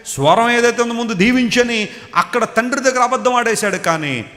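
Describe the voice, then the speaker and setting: A man's voice: very high-pitched, animated, fairly quick, sharp tone, pitched above the performer's own voice, full character voice. A man voicing an old, nearly blind father who reasons aloud, puzzled and suspicious, in a reverberant hall.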